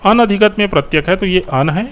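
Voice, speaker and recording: Slightly high-voiced male teacher. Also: brisk, fairly bright tone. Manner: conversational, thinking aloud. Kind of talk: explaining exam answers.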